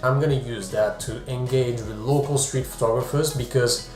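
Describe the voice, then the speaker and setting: A man's voice: mid-range voice, moderate pace, a little mellow, echoey room, faint music behind. A man from France, a travel vlogger and photographer, talking casually to the camera in a chatty way, breaking off for joking asides. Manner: chatty, self-interrupting, jokey asides.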